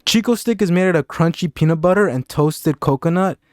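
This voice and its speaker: A young man with a fairly high voice reviews candy one piece at a time, full of deadpan sarcasm and throwaway jokes. The sound is dry and close, with no room echo. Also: a little fast. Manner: deadpan, sarcastic, jokey asides. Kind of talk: casual comedic review vlog.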